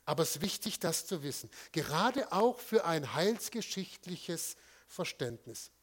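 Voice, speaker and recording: A man preaching a sermon with slides, asking rhetorical questions and stressing single words with pauses. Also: fairly high pitch, sing-song. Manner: emphatic, asks rhetorical questions and answers them.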